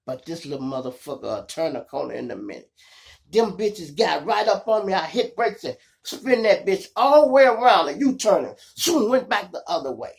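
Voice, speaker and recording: A gravelly-voiced Chicago man, an online show host and storyteller, tells casual street stories with acted-out dialogue. His voice is high and his pace normal. He's animated and slangy, calling his listeners "y'all."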